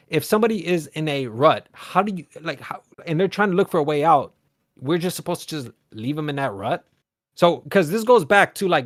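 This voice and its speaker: Fast, insistent male debate host, slightly high voice, dry sound. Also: dry recording. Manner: fast, pushy questioning, interrupts. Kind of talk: live online debate.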